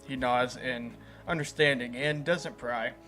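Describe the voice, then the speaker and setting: A man's voice: mid-range voice, steady tone, measured pace, pushed and bright, faint music behind. A man reading a visual novel game aloud as a gaming host, playful and chuckling at the story.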